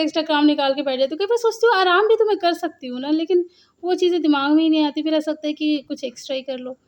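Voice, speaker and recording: A woman's voice: sits high, muffled recording. A middle-aged woman from India chatting casually and animatedly to her viewers in a home vlog. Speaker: vlogger. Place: at home, indoors.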